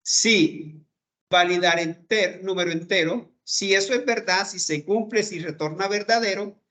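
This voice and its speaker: In a screen-recorded coding lesson, a man with a high-pitched, bright, forceful voice teaches a programming class. He explains the code slowly, step by step, checking in with his students along the way by asking "¿verdad?".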